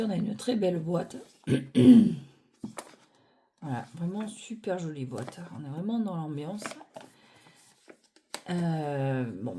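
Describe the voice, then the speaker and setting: A woman reviewing tarot decks in a casual, hesitant chat, often pausing with fillers and laughing at her own clumsiness, recorded on a phone on a stand at home. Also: fairly low pitch, noisy background. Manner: chatty, hesitant, self-deprecating, many fillers.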